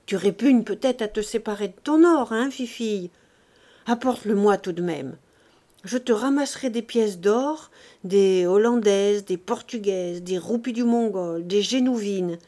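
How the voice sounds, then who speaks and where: A woman's voice: mid-range voice, a little slow, mellow, close to an everyday voice. A woman voicing an old miserly father, coaxing and then hectoring, in an audiobook reading. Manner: wheedling then hectoring, emphatic.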